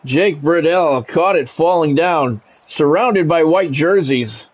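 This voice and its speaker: A man speaks slowly in a fairly high voice while streaming a sports video game, moving between announcer-style calls and relaxed talk with the people watching.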